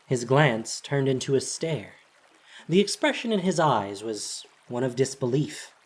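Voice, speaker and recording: A narrator with a husky, breathy, mid-range voice reads a dramatic story. The delivery is animated yet set in measured, solemn, deliberate phrases.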